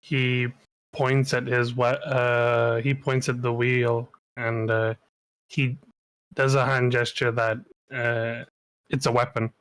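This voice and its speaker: A man's voice: mid-range voice, little pitch movement, slow pace, a bit bright, clean tone, no echo. A man player in a tabletop game, hesitant and full of fillers as he describes his character.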